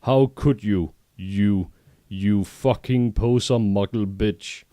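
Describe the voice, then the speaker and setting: Brief: angry, sensitive gothic teen boy, shouting, read by a man. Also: lowish voice, slow pace, dry recording, clean studio sound. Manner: shouting insults.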